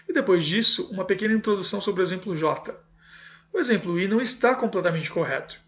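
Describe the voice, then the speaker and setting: A man's voice: sits high, muffled recording. A man reading aloud from a music theory book and explaining it, often checking in with his listeners. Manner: steady reading with frequent "certo?" check-ins. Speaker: music teacher translating a textbook.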